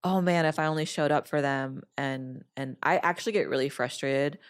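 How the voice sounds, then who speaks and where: A woman's voice: low-pitched, smooth. Frank woman podcast host. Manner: frank, conversational, quick affirmations. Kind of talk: casual interview conversation.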